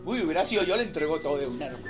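A man preaching a sermon as pastor. He rises to loud, emphatic scripture reading, then drops into soft, chatty storytelling with his listeners. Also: a little high, very animated, racing, music in the background.

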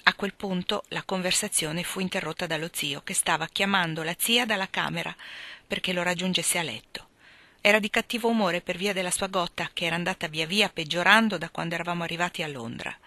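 A woman reading a novel aloud in a measured, clear narration. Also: lowish voice, bright, forceful tone, dry recording. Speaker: reader.

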